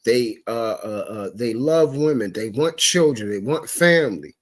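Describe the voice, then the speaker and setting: A man gives impassioned, profane livestream commentary on a talk show, his medium-pitched voice expressive and measured. Agitated, he stumbles over restarts and stops repeatedly to say sorry.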